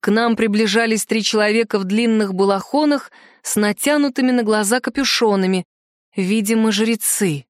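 A woman reading a first-person fantasy novel aloud in a lively, expressive way. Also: mid-range voice, moderate pace, no echo, clean studio sound. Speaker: audiobook narrator.

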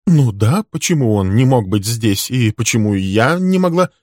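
A man voicing a volatile young female secretary who shouts in a high, shrill voice. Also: animated, normal speed, dry recording, studio quality, close to an everyday voice. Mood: defensive.

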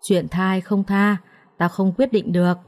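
A woman's voice: medium pitch, level tone, normal speed, a little mellow, close to an everyday voice. A woman voicing a stern young male master of the house who speaks curtly. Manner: curt, scolding.

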